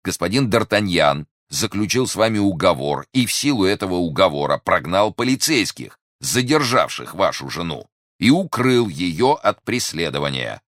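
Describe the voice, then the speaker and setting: A man's voice: sits low, sing-song, moderate pace, a bit bright, no echo, clean studio sound, pitched above the performer's own voice. A man voicing an irritable, officious police commissioner who accuses and barks orders. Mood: accusing. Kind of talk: audiobook character reading.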